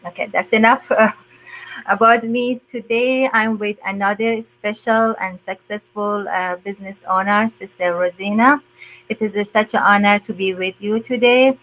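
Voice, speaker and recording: A woman's voice: medium pitch, steady tone, fairly bright tone, slight background noise, rough recording. Older woman hosting a live chat. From USA resident. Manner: slow, hesitant with many fillers. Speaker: host. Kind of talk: live online interview.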